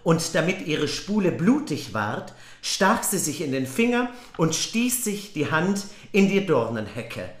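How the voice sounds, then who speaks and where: Expressive woman reading a fairy tale. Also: sits low, unhurried, hardly any pauses. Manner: joking interruptions. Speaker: podcast co-host. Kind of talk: playful fairytale reading with banter. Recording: roomy echo.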